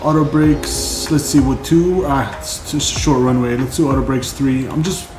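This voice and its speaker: A man's voice: medium pitch, fairly even intonation, normal speed, echoey room, music in the background, low-quality recording. A man giving casual running commentary as a flight sim streamer, thinking aloud and reading out figures. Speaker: flight simulator live streamer.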